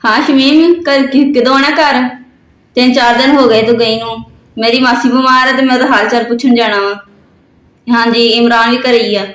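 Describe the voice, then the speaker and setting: Far from the mic in a very echoey room, a woman acts a practical, agreeable Punjabi housewife from Pakistan in a comedy skit. Her voice is fairly high, and some noise sits behind it. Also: fairly even intonation, fast talker, a bit bright, close to an everyday voice. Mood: matter-of-fact. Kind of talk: family comedy skit acting.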